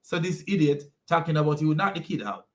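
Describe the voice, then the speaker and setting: Fast and with lively intonation, a slightly high male voice carries a Jamaican man's rambling online rant. He hosts a religious commentary video and sounds mocking and scornful, repeating insults and restarting many times.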